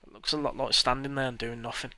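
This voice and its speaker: A man rambles through a game stream in a bright, forceful voice, cracking jokes and swearing. His mic is close and the sound is dry, with no room around him. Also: mid-range voice, fairly even intonation, fast, dry recording. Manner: rambling and jokey, swears often. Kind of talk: casual gameplay commentary.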